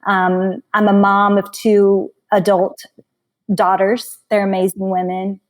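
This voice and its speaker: Frank, animated woman in her forties. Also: medium pitch, takes it slowly. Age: 40s. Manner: frank and animated, laughs and swears freely. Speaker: podcast guest, coach and author. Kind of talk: casual chat.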